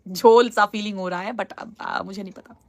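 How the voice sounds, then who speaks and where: A woman's voice: mid-range voice, fairly even intonation, moderate pace, gravelly, no echo. A woman hosting a casual live stream, answering viewer comments in an earnest, pleading way. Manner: earnest, pleading, repeats "please" often.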